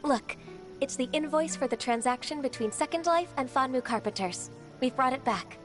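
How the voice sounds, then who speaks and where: Woman doing an earnest young game heroine, steady and reassuring, fairly high voice, faint music under it. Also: moderate pace, lightly acted. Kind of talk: video game voice acting.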